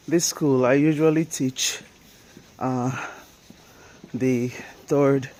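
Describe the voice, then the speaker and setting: A warm, mid-range male voice with a Nigerian accent belongs to an English teacher chatting casually as he walks beside a road. He's chatty, laughs now and then, and drops in Japanese fillers, with traffic noise in the background.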